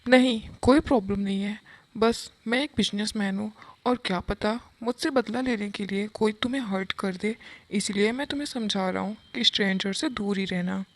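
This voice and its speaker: A stern, secretive businessman father, voiced by a woman in a fan-dub audio drama. He scolds in a commanding way and turns heated and rapid. The voice sits mid-pitch and sounds close and dry. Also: no echo, lightly acted.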